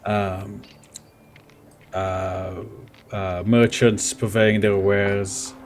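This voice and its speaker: A man improvising descriptive narration as game master of a tabletop game, speaking haltingly. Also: lowish voice, level tone, slight background noise.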